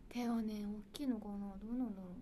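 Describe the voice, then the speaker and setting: Racing along in a steady, mid-range voice, a young Kansai-accented idol chats brightly on her livestream and replies to viewers' comments, frequently slipping into soft, almost whispered asides. A little hiss or hum is audible.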